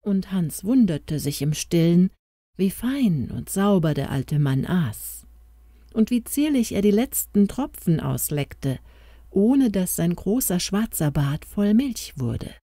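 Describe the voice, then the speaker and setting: A woman narrating a fairy-tale audiobook in a calm, expressive reading. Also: on the low side, takes it slowly, no room sound, clean studio sound.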